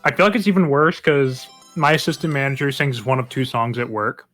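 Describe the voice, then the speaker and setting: A man's voice: mid-range voice, a bit bright, faint music behind. A man chatting casually on a game stream, joking and laughing often. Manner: jokey, laughs a lot, quick asides. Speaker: stream guest.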